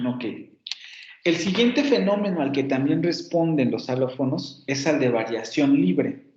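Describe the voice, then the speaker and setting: Slow-talking Mexican lecturer in a roomy recording. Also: male voice, on the high side, expressive, darkish tone. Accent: Mexican Spanish. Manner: slow, deliberate, often rephrases and checks "¿sí?" with students. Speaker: university phonetics lecturer. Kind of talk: explanatory online class lecture. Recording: roomy, dull lo-fi class recording.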